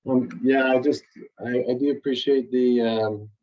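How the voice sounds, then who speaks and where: A man's voice: mid-range voice, steady tone, a little slow. A man giving a hesitant, trailing public comment over a distant, muffled call.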